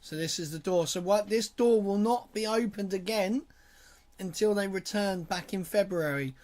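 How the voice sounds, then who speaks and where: A woman's voice: mid-range voice, normal speed, darkish tone. A woman giving casual, informal commentary as a livestream host. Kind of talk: casual live stream commentary.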